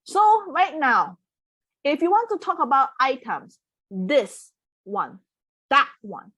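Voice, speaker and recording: A woman's voice: high voice, very animated, slow, sharp tone, dry recording. A woman teaching an online Mandarin lesson in English, patiently repeating words and checking in with her students. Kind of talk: live online language lesson.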